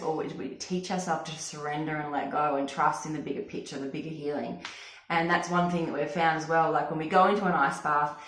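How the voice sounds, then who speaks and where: A woman's voice: on the low side, a bit bright. A woman talking casually and effusively as a wellness coach, giving an informal personal testimonial. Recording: echoey room.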